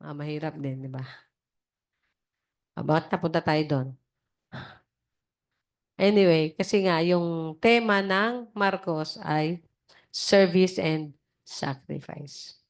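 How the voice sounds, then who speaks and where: A woman's voice: low voice, slow pace, long pauses. Woman preacher on a video call, chatty sermon style, plays the people she quotes and keeps asking her listeners to agree. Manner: conversational, acts out quoted voices, asks "di ba?". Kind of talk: casual sermon.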